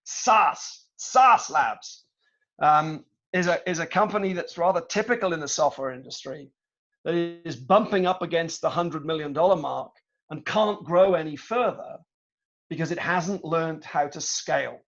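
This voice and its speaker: A middle-aged British man tells business stories to a student audience, speaking in a measured, reflective way with many small pauses. His voice sits a little high for a man. It comes through a dull, lo-fi video call line. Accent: British English. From Britain. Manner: measured, reflective, with frequent hesitations. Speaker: guest speaker, tech executive. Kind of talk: storytelling talk to students.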